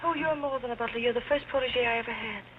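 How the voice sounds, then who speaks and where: An actress playing a scatterbrained young socialite who gushes and rambles bossily in 1930s screwball comedy banter. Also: female voice, fairly high pitch, quick pace, lightly acted. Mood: gushing. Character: scatterbrained young socialite heiress, gushing and bossy. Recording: muffled, noisy old film soundtrack.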